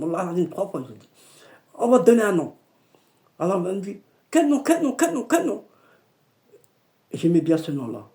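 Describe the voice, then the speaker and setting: Man, high voice with gravel, storytelling exorcist; stammering restarts and Arabic religious phrases. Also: dark tone. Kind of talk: personal storytelling.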